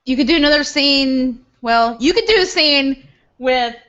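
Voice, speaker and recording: A woman's voice: high voice, unhurried, a bit bright, muffled recording. A woman chatting casually and improvising as a player in a live tabletop game. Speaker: player in a live tabletop role-playing show.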